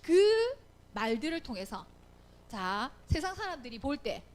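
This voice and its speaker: High, lively woman teaching children. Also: measured pace. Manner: animated, acts out quoted voices, asks "right?" often. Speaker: Sunday school teacher. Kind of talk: Bible lesson for children.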